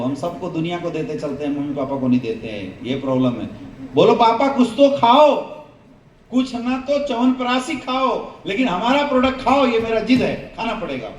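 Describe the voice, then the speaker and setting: High-pitched man coaching a crowd in an echoey hall. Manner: call-and-response questions to the crowd, jokey. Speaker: network marketing trainer. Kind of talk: seminar training talk to an audience. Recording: roomy echo, voice from a distance, faint hum.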